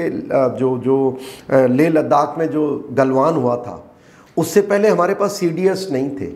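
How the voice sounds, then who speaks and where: A middle-aged man, a retired army colonel, explaining forcefully in an interview and firing off rhetorical questions. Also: fairly high pitch. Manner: emphatic, rhetorical questions, gets heated.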